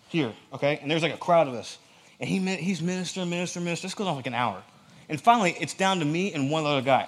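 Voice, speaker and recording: A man preaching a casual, lively sermon in a church, joking with the congregation. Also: on the high side. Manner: animated, joking asides to the audience.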